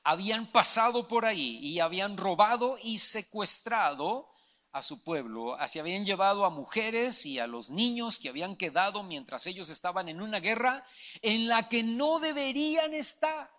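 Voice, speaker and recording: A man's voice: sits high, animated, moderate pace, bright, forceful tone. A man preaching a sermon as pastor, emphatic and direct, often calling his listeners brother. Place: church.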